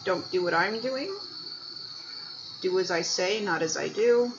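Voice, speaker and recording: A woman hosting a casual cooking stream, chatty and playful, sounding a little low on energy. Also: animated, unhurried, background noise. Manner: chatty, playful, laughs often. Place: home kitchen. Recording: echoey dull home recording.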